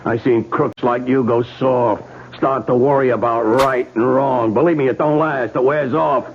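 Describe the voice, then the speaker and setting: Actor as a gravelly, wheedling ex-con crook. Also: male voice, mid-range voice, fairly even intonation, normal speed, natural voice. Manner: streetwise slangy speech, pleading and threatening. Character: menacing, wheedling male ex-convict crook. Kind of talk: radio drama acting. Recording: narrow-band old radio recording, faint noise.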